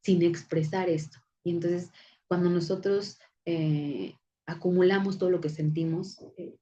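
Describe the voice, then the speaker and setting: A woman with a lowish, steady, mellow voice speaks a little slowly as she gives a psychology lecture. Her delivery is conversational, full of fillers and restarts, and the recorded class includes anecdotes. The recording is dull and lo-fi.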